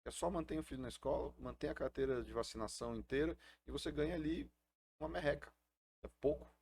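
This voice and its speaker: A man's voice: fairly high pitch, quick pace, darkish tone. A man speaking as a guest on a podcast, earnest and impassioned, often ending sentences with a questioning tag. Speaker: guest, FUNAI indigenist. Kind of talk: casual podcast interview.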